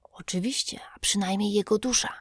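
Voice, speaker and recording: A scruffy, superstitious boy trembles as he whispers, his breathy voice quavering with fright, as a woman brings him to life in an audiobook. The recording is dry and close, with the whisper sitting right up at the microphone. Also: mid-range voice, measured pace, dry recording. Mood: hushed uneasy. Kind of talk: audiobook character voice.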